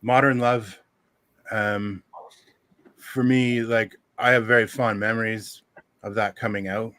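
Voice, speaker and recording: Talking slowly in a fairly low, slightly bright voice with a steady tone, the radio host from Southern Ontario chats on a casual livestream. He drifts from one music pick to the next with frequent ums.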